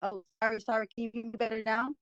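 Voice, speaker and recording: A woman's voice: a little high, level tone, rapid-fire, highs cut off, crowd noise. A woman speaking on a community video meeting over choppy, broken-up call audio, hesitant and apologetic. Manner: hesitant, apologetic, many fillers. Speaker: district manager at a legislator's office.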